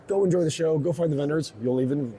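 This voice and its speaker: Fast-talking man with a mellow voice. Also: fairly high pitch. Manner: rambling, excited, self-correcting, laughs often. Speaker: event organizer interviewee. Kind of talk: casual convention interview.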